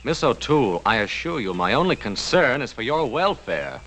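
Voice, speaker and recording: An actor playing an earnest, authoritative rancher's eldest son in a TV western, with an American accent and a measured, polite but firm manner. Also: male voice, mid-range voice, very animated, fairly bright tone. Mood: apologetic. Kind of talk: 1960s TV western acting. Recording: noisy old TV soundtrack.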